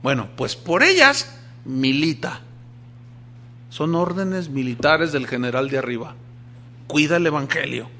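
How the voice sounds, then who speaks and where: A man, a pastor, preaching a sermon, moving between loud emphatic lines and quiet asides while acting out quoted voices. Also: on the high side, lively intonation, unhurried, long pauses.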